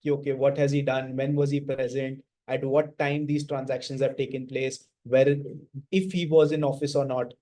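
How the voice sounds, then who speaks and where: Mellow North Indian man, lecturing informally. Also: medium pitch, flat delivery, normal speed. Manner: informal, Hindi interjections mixed into English. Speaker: lecturer teaching auditing. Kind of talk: conversational classroom lecture.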